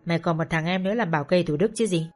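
A woman reading a story aloud, voicing a tall, hot-tempered young man who curses and threatens in a low, forceful voice over faint music. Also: racing, lightly acted. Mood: enraged. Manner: furious, cursing through gritted teeth.

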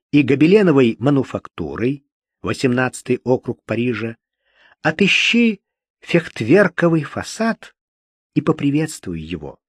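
A man reading a novel aloud as an audiobook narrator, measured and expressive, slowing down for emphasis. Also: mid-range voice, husky, no echo, clean studio sound. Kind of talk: scripted literary narration.

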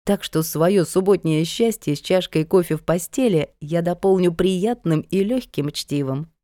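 A woman's voice: on the low side, moderate pace, dark tone, no echo, clean studio sound. A woman narrating a first-person audiobook in a wry, conversational storytelling manner.

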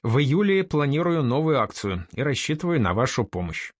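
A man voicing a bold young male raider-merchant leader in an audiobook, curt and sharp-tongued. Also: medium pitch, very animated, normal speed, dry recording, studio quality, pitched above the performer's own voice. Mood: brusque.

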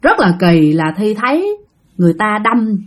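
A woman's voice: medium pitch, very animated, moderate pace. A woman telling a spooky story in a casual, chatty way, speaking straight to her listeners. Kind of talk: casual spoken ghost story.

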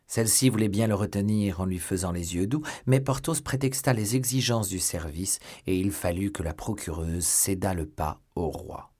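A man narrating a classic novel as an audiobook, reading in a measured, expressive way. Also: low voice.

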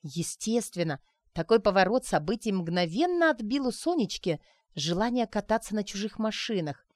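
A woman narrating an audiobook in an even storytelling manner. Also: medium pitch, moderate pace, no room sound, studio quality.

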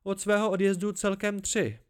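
A man's voice: high-pitched, little pitch movement, smooth, voice pushed up, natural voice. A man voicing a proud, secretive young woman in an amateur audiobook, raising his voice to play her. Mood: animated.

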